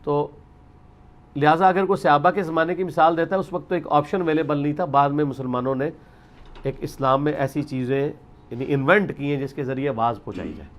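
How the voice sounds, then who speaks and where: This Pakistani-accented man, whose voice is fairly high and a little fast, improvises an informal religious talk. He reasons and explains spontaneously, with English words woven in.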